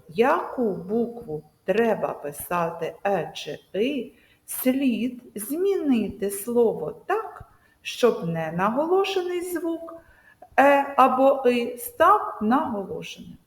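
A woman teacher giving a video lesson to children, speaking slowly and emphatically and drawing out example words. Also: fairly high pitch. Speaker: primary school teacher. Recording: echoey room with long reverb.

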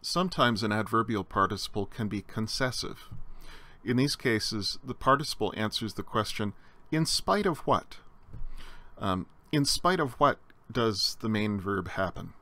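A man's voice: on the low side, animated, measured pace, sharp tone. A man giving a recorded slide lecture on Greek grammar, explaining step by step with frequent fillers and restarts.

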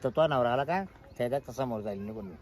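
A man's voice: medium pitch, fast talker, crowd noise, natural voice. A man, playing a village farmhand who coaxes and reassures his secret lover in a comedy skit. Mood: coaxing. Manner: coaxing, cajoling.

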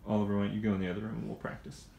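This middle-aged father talks rapid-fire in a fairly low, creaky voice with a flat delivery, casually and patiently telling his kids what to do indoors in the living room. The lo-fi sound comes from a home phone video recorded behind a handheld camera, with some room noise audible.

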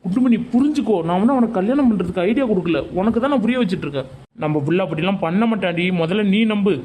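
A woman voicing an easygoing village father in an animated family comedy-drama, coaxing and arguing with his wife to defend their son. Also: medium pitch, racing, natural voice.

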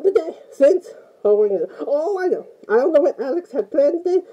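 In a brisk, mellow, high-pitched and very animated voice, a woman plays a jumpy Italian plumber man with a fake Italian accent. As a fan of the character, she chats nervously through a game review, peppered with "oh"s and "mamma mia." The sound is lo-fi.

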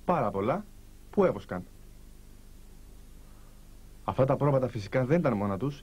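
A man telling a folk tale to listeners in a lively, animated voice, pausing between short phrases. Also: fairly high pitch, husky. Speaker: storyteller. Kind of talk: storytelling to listeners.

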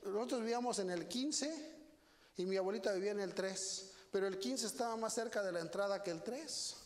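Mexican preacher, man, folksy sermon style, high voice, long hall reverb. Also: fairly quick. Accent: Mexican Spanish. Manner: animated, storytelling with folksy asides to the congregation. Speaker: guest preacher. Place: church sanctuary.

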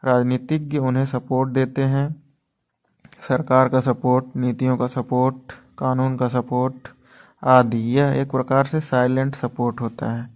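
A man explaining an economics topic in a measured, textbook-like lesson style. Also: mid-range voice, level tone, darkish tone. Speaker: educator.

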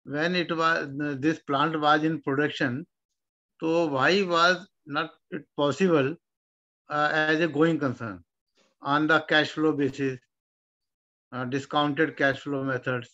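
A man's voice: on the high side, fairly even intonation, slow pace, pushed and bright. A man with an Indian accent politely asking a question during an online class. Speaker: class participant. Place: online group video call. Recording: dull lo-fi video call audio.

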